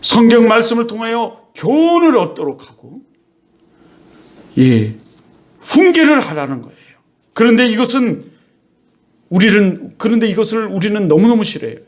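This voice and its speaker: Man, pastor, sermon, high voice, middle-aged, lively preaching, acts out parents and children. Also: normal speed, long pauses.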